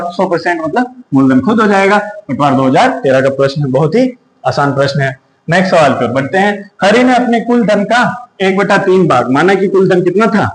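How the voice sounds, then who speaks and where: Guy doing an exam maths class, talks through each step, high pitched, echoey room. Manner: works through sums step by step, asking and answering himself. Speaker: maths teacher. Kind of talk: exam-prep maths lesson.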